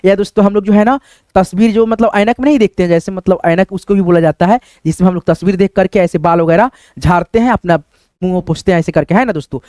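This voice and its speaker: A man whose voice sits high and a little mellow teaches beginners the alphabet, slowly and with patience. He answers his own questions and works a friendly word for the audience into nearly every sentence, in studio-quality sound without echo.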